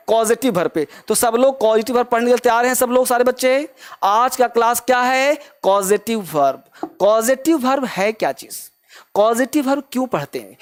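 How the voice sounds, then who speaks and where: A male English teacher, lecturing a class and drilling pupils with repeated questions, addressing them in a fatherly way. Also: high voice. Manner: calls listeners "beta", fatherly.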